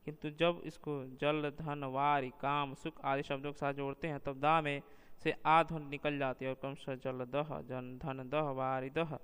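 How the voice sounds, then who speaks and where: A man reading a linguistics lesson aloud, listing examples one after another in a measured way. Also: on the high side, flat delivery, fairly bright tone, smooth, big-room sound. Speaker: lecturer.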